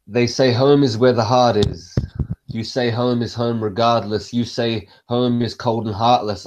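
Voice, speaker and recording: A man's voice: medium pitch, a little mellow. A young man from Egypt performing spoken word poetry on a video call from a small room at home, with a rhythmic, rhyming delivery. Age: young adult. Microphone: laptop webcam on video call. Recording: dull lo-fi video call audio.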